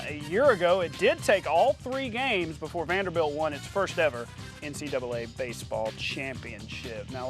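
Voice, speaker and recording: This male sports anchor has a strikingly high voice. Like a local TV sportscaster, he reads off scores and narrates highlights with punchy, announcer-style delivery.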